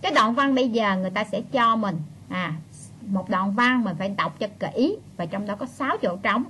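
A woman teacher, reviewing for an exam and repeating key phrases, reading English instructions slowly. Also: medium pitch, fairly bright tone, a little hiss or hum, rough recording.

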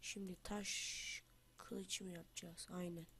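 A woman hosting her gaming channel while down with the flu, talking through her game in a loose, chatty way. She shouts excited trash talk at other players, then sinks into low, half-whispered muttering as she plans her moves. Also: takes it slowly, slight background noise. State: has the flu. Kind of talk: casual gameplay commentary.

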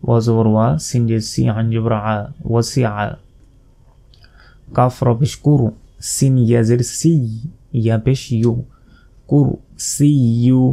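A man with a Bangladeshi accent teaching recitation, spelling out each letter slowly and deliberately, then drawing out the recited phrases. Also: mid-range voice, flat delivery, vocal fry, dark tone.

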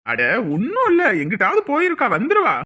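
A man's voice: very high voice, huge pitch swings, fairly quick, pushed and bright, full character voice. A man voicing a weary, dismissive middle-aged father in a cartoon drama. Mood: placating. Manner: brushing off, placating.

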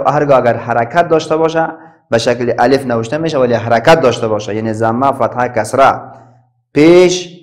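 A man with an Afghan Dari accent teaching a Quran class, spelling out letters and vowels slowly and chanting the verses. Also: medium pitch. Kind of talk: classroom recitation lesson.

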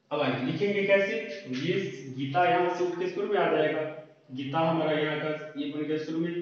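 A man's voice: on the high side, darkish tone. A male English teacher giving a grammar lesson, explaining step by step and answering his own questions. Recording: echoey, distant, dull lo-fi room sound.

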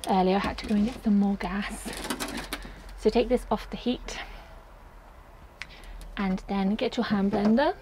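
A woman's voice: medium pitch, fairly even intonation, measured pace, pauses often, background noise. A young woman casually talking through a recipe step by step as she cooks in a small potting shed kitchen, picked up by a camera mic a short way off. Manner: chatty, explains each step while cooking. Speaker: cooking vlogger. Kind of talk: casual cooking demonstration.

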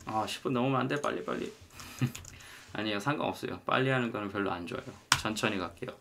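A man's voice: fairly low pitch, fast talker, vocal fry, sharp tone, slight background noise. A man teaching English in a casual online lesson, chatting and acting out short example lines.

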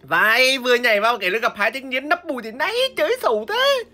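A woman's voice: fairly high pitch, big pitch swings, fast, bright, forceful tone. A woman giving live gameplay commentary, explaining her strategy and crying out and repeating words during fights. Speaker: gameplay streamer.

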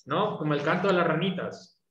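A man teaching English in an online class, explaining patiently and often checking understanding with quick questions. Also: fairly high pitch, dull audio. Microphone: video call. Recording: roomy echo, faint background noise.

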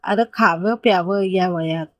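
A woman's voice: on the low side, measured pace, no room sound, lo-fi sound, natural voice. A woman voicing a welcoming older housewife who fondly fusses over a guest, in a read-aloud story.

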